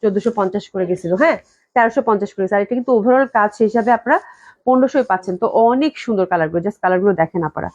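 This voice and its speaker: A clothing shop owner is streaming a live online dress sale from inside her company office, talking rapid-fire in a medium-pitched, slightly mellow voice. The recording sounds muffled. She keeps coughing from a cold she's recovering from, yet gushes enthusiastically and repeats her compliments.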